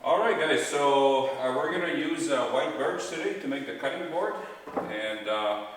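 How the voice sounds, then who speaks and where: A man's voice: mid-range voice, normal speed, recorded from a distance. Man on echoey old camcorder audio. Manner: plain, stop-start explaining with many "uh"s. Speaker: woodworking host. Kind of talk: casual how-to demo. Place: woodworking shop with machines.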